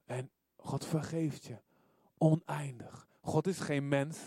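Male preacher, high voice, dry close sound, lively, punctuates with amen. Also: takes it slowly, breathy edge, dry recording. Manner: lively, often asks "ja toch?" and calls "amen". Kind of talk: sermon.

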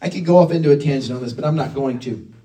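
A man's voice: mid-range voice, fast talker, warm tone, far from the mic, poor audio. A middle-aged man preaching a sermon in a conversational, emphatic way, often restarting his phrases.

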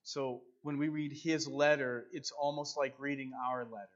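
A man's voice: mid-range voice, level tone, normal speed. A man preaching and praying earnestly as a pastor, speaking into a pulpit microphone in church. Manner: earnest, devout, with repeated praise phrases. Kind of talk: sermon and extemporaneous prayer. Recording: dull, band-limited church sound recording.

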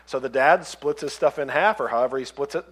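A man's voice: medium pitch, brisk, fairly bright tone, husky. A male pastor preaching a sermon in a conversational way, retelling parables and acting out the voices of the characters. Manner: conversational, acts out voices in stories.

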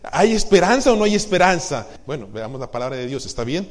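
A middle-aged man preaching as a pastor, swinging between hushed, confessional passages and loud, emphatic ones, often asking his congregation questions. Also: fairly high pitch, sing-song, fast. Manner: asks the congregation rhetorical questions. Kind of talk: sermon. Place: church hall. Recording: long reverb in a church hall.

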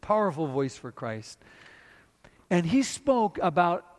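A man preaching a sermon, repeating phrases and moving between emphatic bursts and low, quiet passages. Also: very animated, takes it slowly. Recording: long reverb in a large hall.

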